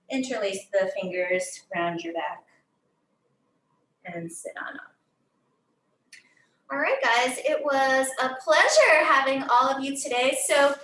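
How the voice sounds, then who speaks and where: Her voice sits high and a bit bright as this young instructor, slightly out of breath, counts down and calls moves for her gym class. The echoey studio is recorded from a distance, with slight background noise.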